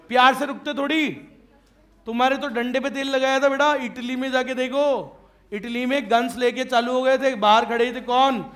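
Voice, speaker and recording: A man lectures his class in a very high voice. He teases his students with jokes and keeps asking whether they follow. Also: fairly bright tone. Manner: checks often that students follow; joking and teasing with students. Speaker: teacher.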